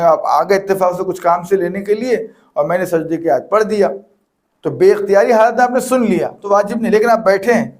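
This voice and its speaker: High-voiced man teaching religious rulings. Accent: Urdu with Hyderabadi touch. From Hyderabad, Pakistan. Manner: explains with examples, repeats phrases. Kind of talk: religious lesson.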